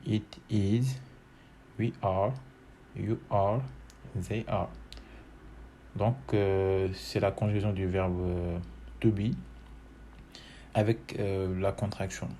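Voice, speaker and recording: Slow, hesitant male tutor. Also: lowish voice, darkish tone, slight background noise. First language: French. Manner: slow and hesitant, many fillers, repeats each form several times. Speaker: English teacher. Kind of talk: bilingual online lesson, switching between French and English.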